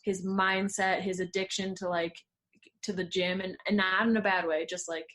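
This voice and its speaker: A woman's voice: medium pitch, little pitch movement, normal speed, fairly bright tone. A young woman in her twenties, a fitness coach, chatting casually as a podcast guest with many "like" fillers. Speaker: guest, fitness coach and former pro skier. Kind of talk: casual interview chat.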